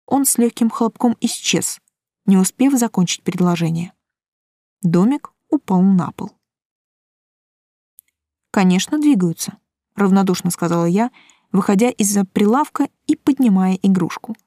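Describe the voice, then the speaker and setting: A woman reading a first-person audiobook in a calm, dry, wry manner. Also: medium pitch, normal speed, dry recording. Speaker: audiobook narrator.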